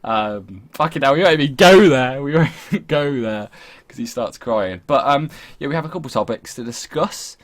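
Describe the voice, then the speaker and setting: A young man hosts a casual podcast with very animated intonation and a medium pitch. He teases and mocks as he goes, swearing freely. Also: normal speed, few pauses. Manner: sweary, mocking. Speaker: podcast host. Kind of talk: casual, teasing banter.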